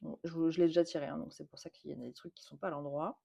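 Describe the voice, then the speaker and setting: A French woman chats casually through a tarot deck unboxing. Her voice sits a little low, and she repeats words and fills pauses with euh as she goes. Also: flat delivery, gravelly, dark tone, slightly rough. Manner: chatty, repeats words, many fillers. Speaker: tattoo artist and tarot channel host.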